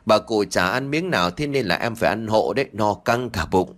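A man's voice: fairly low pitch, animated, a little fast, a bit bright. A man voicing a greedy, spiteful village daughter-in-law who nags and scolds sharply in a storybook reading. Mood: smug.

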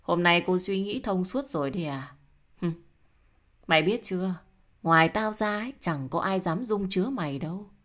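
A woman's voice: fairly low pitch, animated, moderate pace, close to an everyday voice. Woman voices a cold, sneering young husband in a storybook; mocking and spiteful.

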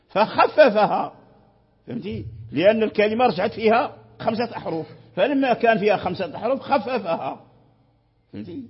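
A man's voice: sits high, breathy edge, lo-fi sound. A man teaching Quranic readings in a classroom lecture, repeating phrases and checking that his students understand.

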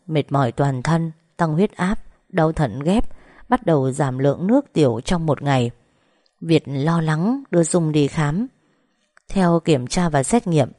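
A woman narrating a story in a calm, steady, scripted reading. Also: low-pitched, no room sound, studio quality.

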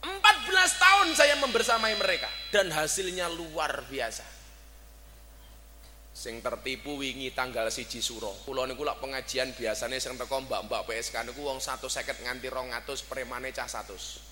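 A middle-aged man with a Javanese accent preaching a sermon in an animated storytelling way, swinging between loud and soft. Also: medium pitch, normal speed. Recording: reverberant hall, faint background noise.

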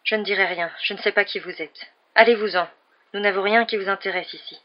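A woman's voice: medium pitch, steady tone, brisk, natural voice. A reader, likely a woman, voicing a frightened young woman doctor held captive, tense and pleading, on a dull lo-fi recording.

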